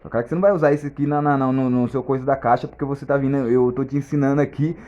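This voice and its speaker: A man's voice: medium pitch, fairly even intonation, racing, dark tone, dull audio. A man giving a casual lesson, asking rhetorical questions and restarting his words often. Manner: talks in bursts with many restarts and repeated words. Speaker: teacher of memory techniques.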